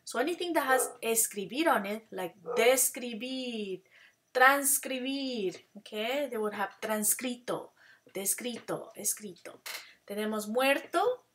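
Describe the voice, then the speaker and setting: A woman teaching a grammar lesson, slow and deliberate, drawing out example words and switching between Spanish and English to explain. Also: on the high side, expressive, fairly bright tone, slight background noise.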